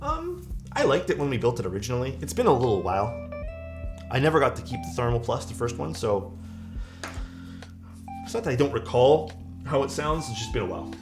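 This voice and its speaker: Music runs in the background as this keyboard-building streamer, in his thirties, chats casually and reads viewer comments, venting and rambling with lots of fillers and some swearing. He's very animated, a little fast, medium-pitched, and pauses often.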